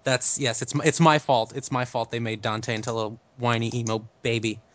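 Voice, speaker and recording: A man's voice: medium pitch, flat delivery, brisk, no room sound. Guy on a gaming podcast, griping a little, dry close sound. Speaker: podcast co-host. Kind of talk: casual chat about video games.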